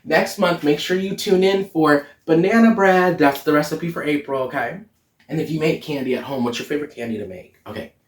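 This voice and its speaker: Speaking a little high and fairly quickly, the young man in drag chats casually on his home cooking vlog, bubbly and giggly, cursing as he tastes and using a mock Irish lilt. His camera mic picks him up from a few feet away in the indoor kitchen, leaving the sound distant and echoey.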